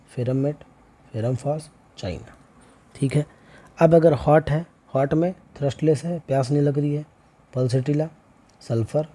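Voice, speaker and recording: Homeopathy teacher with a mellow voice. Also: male voice, medium pitch. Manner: lists remedy names one after another, checking in with "thik hai". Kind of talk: lecture walking through a chart.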